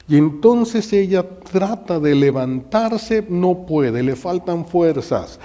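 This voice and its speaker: Mexican priest preaching in an echoing hall. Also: male voice, sits high, expressive, slow, dark tone. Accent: Mexican Spanish. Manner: dramatic storytelling preaching. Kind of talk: sermon. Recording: long hall reverb.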